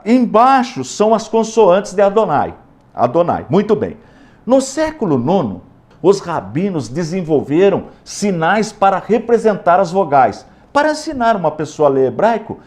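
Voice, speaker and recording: A man with a Brazilian Portuguese accent, a pastor teaching a theology lesson in an emphatic way, repeating words and spelling out letters and sounds. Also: sits high.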